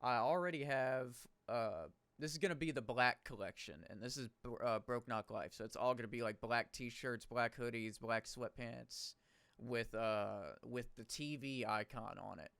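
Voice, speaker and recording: A man talking casually on his podcast, loose and profane, often trailing off mid-sentence. His voice is smooth and resonant at an ordinary pitch. The sound is dry and close to the mic. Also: normal speed, a bit bright, no room sound. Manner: laid-back, swears a lot, trails off. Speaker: podcast host. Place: podcast studio.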